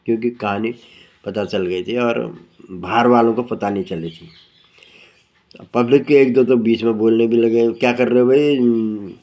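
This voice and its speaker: A man telling a folk story in casual speech, rambling and repeating himself, losing his thread and circling back, with quick pitch jumps when he quotes characters. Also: darkish tone. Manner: rambling, repeats "bola" often, loses track and circles back.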